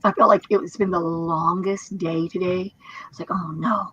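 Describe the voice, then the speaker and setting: Husky-voiced woman in her fifties, co-hosting, talks in loose rambling bits. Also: on the low side, fairly even intonation, normal speed, a bit bright, no echo, highs cut off. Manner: chatty, rambling with restarts and laughs. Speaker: co-host. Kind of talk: casual chat on a live stream.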